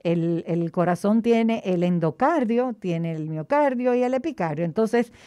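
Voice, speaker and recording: A woman's voice: medium pitch, animated, a little slow, warm tone, clear, resonant tone, no room sound, lo-fi sound. A woman speaking through a face mask, explaining health topics in casual chat, often hesitating and bringing in religious references. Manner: plain explanations with frequent hesitations and restarts.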